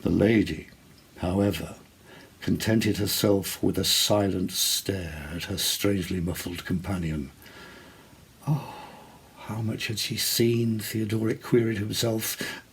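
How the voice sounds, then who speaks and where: A man with a lowish, slightly rough voice gives a theatrical reading of a literary short story, pacing his dramatic narration with measured, expressive deliberation.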